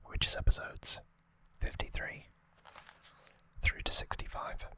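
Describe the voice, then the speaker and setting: An ASMR host recaps in a soft, breathy whisper that carries no voicing, leaving pauses between brief phrases.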